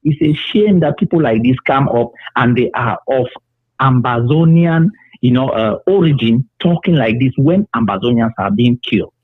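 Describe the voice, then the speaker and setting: A man calling in to a talk show, speaking with passion and many pauses and fillers. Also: medium pitch, animated, slightly rough, dry recording. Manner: impassioned, halting with many fillers. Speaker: caller. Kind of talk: phoned-in political comment. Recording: tinny phone line.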